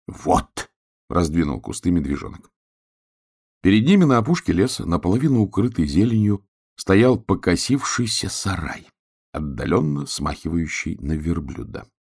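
A man narrating a children's fairy tale in a lively, expressive storybook manner. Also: sits low, moderate pace, vocal fry, husky.

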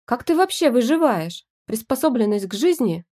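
A woman's voice: a little high, big pitch swings, moderate pace, warm tone, pitched above the performer's own voice. Woman voicing a snappish bossy husband. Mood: snapping. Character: gruff irritable husband barking orders.

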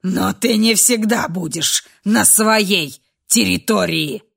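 A woman voicing a menacing, beastly man who is a furious rival buyer, speaking in a rough, growling voice, slow and forceful. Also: mid-range voice, full character voice.

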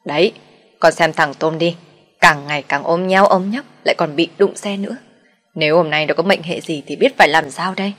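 A woman doing a shrill scolding mother-in-law. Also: a little fast, soft background music. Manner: shrill, berating, loud. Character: scolding older mother-in-law, harsh and bitter.

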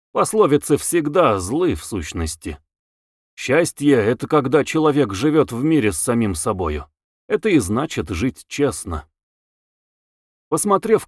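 A man narrating a classic novel in a measured, expressive audiobook reading. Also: mid-range voice, dry recording, studio quality.

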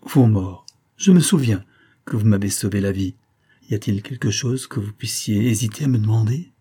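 A man's voice: medium pitch, animated, normal speed, gravelly, warm tone, breathy edge. A man reading the part of a carefree young officer with a playful, teasing manner in an audiobook. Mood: earnest. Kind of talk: audiobook character voice.

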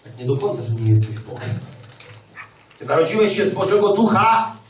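A pastor preaching a sermon, emphatic and conversational, often repeating words for stress. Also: male voice, high voice, very animated, moderate pace. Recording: echoey hall, mic at a distance.

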